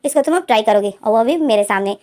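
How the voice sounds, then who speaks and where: A woman's voice: fairly high pitch, animated, fast talker, darkish tone, pitched below the performer's own voice, lightly acted. A woman voicing a mischievous, pushy young woman who coaxes and insists. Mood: coaxing. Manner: coaxing, insistent.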